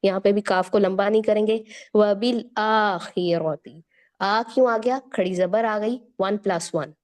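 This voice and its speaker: Woman tutor going over recitation rules, warm low-key voice, checks in w students a lot. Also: fairly even intonation. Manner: patient, slows and stretches words to demonstrate; explains step by step and checks in with listeners. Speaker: Quran recitation teacher. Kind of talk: tajweed lesson, explaining and demonstrating.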